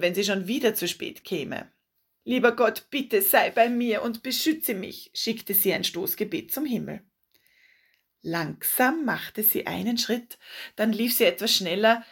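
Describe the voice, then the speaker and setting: A woman narrating a children's story in a calm, expressive storybook manner. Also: mid-range voice, breathy edge.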